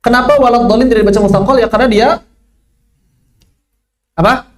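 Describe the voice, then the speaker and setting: A man's voice: sits high, steady tone, fairly quick. A man teaching Quran recitation rules in an online lesson, asking questions and answering them himself.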